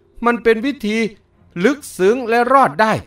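A man's voice: fairly high pitch, animated, a little fast, a bit bright, far from the mic. A man voicing an earnest, blunt young hero in an audiobook. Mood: delighted.

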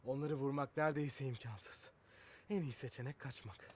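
A man's voice: mid-range voice, moderate pace, darkish tone, lightly acted. An actor playing a weary, worried young man searching for his brother, in Turkish video game dubbing style. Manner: scripted, thinking aloud to himself.

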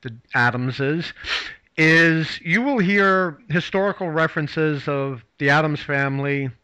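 A male talk-show host with a bright, crisp voice. He chats loosely, piling up fillers and false starts as he goes, in a dry, close sound. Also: on the high side, a little slow, no room sound, lo-fi sound. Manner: rambling, full of fillers and restarts. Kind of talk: casual talk-show chat.

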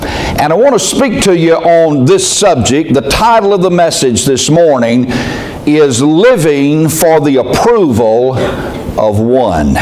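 A man's voice: on the high side, darkish tone, a little hiss or hum. An older man, a pastor praying and then preaching in a folksy, storytelling way with frequent "uh" restarts. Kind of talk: prayer and sermon. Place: small church sanctuary. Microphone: pulpit mic. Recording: echoey church from camera.

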